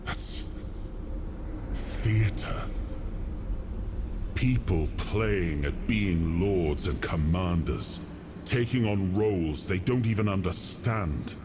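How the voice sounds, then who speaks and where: An actor playing a weary, solemn, noble king in a video game, speaking in a grave, measured and deliberate way. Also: sits low, background noise. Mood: bitter, disappointed. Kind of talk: dramatic video game cutscene acting. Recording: dramatic music behind the voice. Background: cinematic game music.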